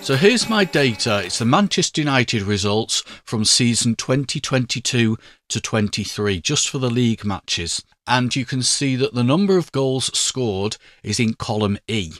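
A man talking through a spreadsheet tutorial in a measured, step-by-step way. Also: mid-range voice, expressive, fairly bright tone, no echo, soft background music. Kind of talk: screen-recorded tutorial narration.

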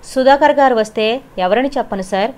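Woman reading as a calm manservant in an audiobook, matter-of-fact. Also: on the high side, fairly quick, natural voice. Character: male household servant, calm and matter-of-fact.

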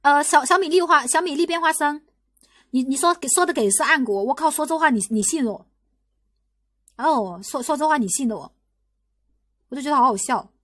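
Speaking on her livestream, a young woman from Guangdong, China, argues in quick, repetitive bursts, restarting sentences and firing the same rhetorical questions again and again. Her casual commentary comes in a high, fairly bright voice, recorded close and dry with no echo from the room.

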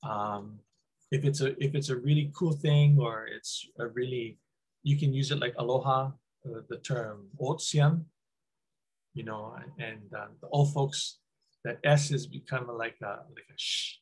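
Slightly slow and steady, this middle-aged Hawaiian man's medium-pitched voice is a little mellow with a breathy edge. As a guest speaker on a webcam call from a small indoor room, he gives a rambling, casual talk with frequent ums and restarts, captured in poor audio.

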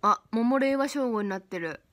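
A woman's voice: on the high side, animated, moderate pace, slight background noise. A young woman hosting her own livestream, chatty and giggly, thanking viewers one by one. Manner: chatty, giggly, reads out fan names and thanks. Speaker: idol livestream host. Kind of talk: casual livestream chat.

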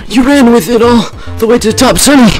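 A man's voice: very high voice, a little fast, faint music behind, voice pushed up, low-quality recording. A man putting on a rambling old ghost scientist. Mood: proud. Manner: rambling, old-fashioned, doddering. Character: rambling elderly male ghost scientist, chatty. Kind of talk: reading game dialogue in an old man voice.

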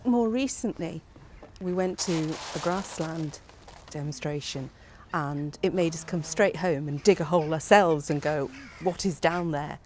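A plain-spoken woman farmer in her fifties answers interview questions with a low voice. Her sentences trail off softly at the ends. Clear outdoor background noise runs under her words. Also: a little slow, hardly any pauses. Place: outdoors by a farmyard vehicle.

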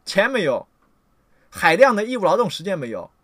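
A man lectures his livestream audience in a scolding, emphatic way, swearing freely. He swings from loud outbursts down to low muttering in a slightly high voice. The sound is close and dry. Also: sing-song, brisk, no echo. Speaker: livestream lecturer on political theory.

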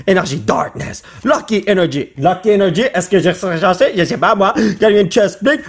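A man with a Quebec French accent talks in a high, slightly husky voice. He gets excited and jokes as he comments on opening card packs, and mixes in English slang. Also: brisk. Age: adult father. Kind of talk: casual pack-opening commentary.

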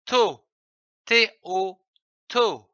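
A man teaching children to read, spelling out letters and syllables slowly and stressing each sound, on a dull, lo-fi recording. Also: high-pitched, pushed and bright, no room sound. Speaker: reading teacher. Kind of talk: slow, carefully enunciated reading lesson.

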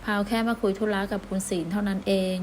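A woman reading a quiet proud young woman. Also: medium pitch, level tone, fast talker, a little hiss or hum, lightly acted. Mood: subdued. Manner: quiet, subdued. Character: proud reserved young woman, soft-spoken.

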